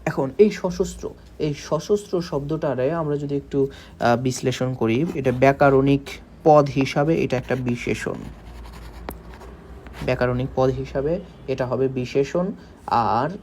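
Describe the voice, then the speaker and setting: A man from Bangladesh teaching a literature lesson for exam preparation, explaining step by step and slowly spelling out words. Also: mid-range voice, a little mellow, a little hiss or hum. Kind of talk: exam-prep lecture.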